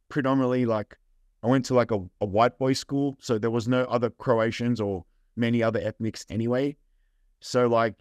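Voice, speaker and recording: Here a young adult man with an Australian accent speaks as an interview guest, easygoing and meandering, full of filler words. The studio-quality recording has no echo, and his voice sits in the mid range.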